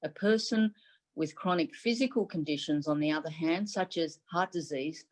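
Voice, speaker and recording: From a room at home on a video call webcam, a Taiwan-born, middle-aged native Mandarin Chinese speaker delivers a prepared symposium address in her role as chief medical advisor. She speaks in a deep, darkish voice, keeping a formal, measured delivery in short phrases.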